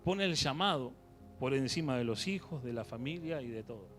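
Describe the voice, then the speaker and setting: A man's voice: mid-range voice, animated, normal speed, fairly bright tone, faint music behind. A male preacher with a Rioplatense accent giving a conversational sermon, often quizzing the congregation with questions. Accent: Rioplatense Spanish.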